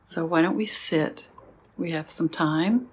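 Woman meditation teacher, kinda low husky voice, calm and gentle, takes her time. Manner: calm, unhurried, gentle pauses. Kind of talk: guided meditation talk.

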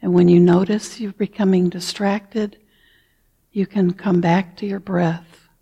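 Woman leading a meditation, slow and gentle, mellow husky voice, drifts into whispers. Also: fairly low pitch, little pitch movement, muffled recording. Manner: slow, soft-spoken, long pauses, drops to a whisper. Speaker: meditation teacher. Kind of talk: guided meditation.

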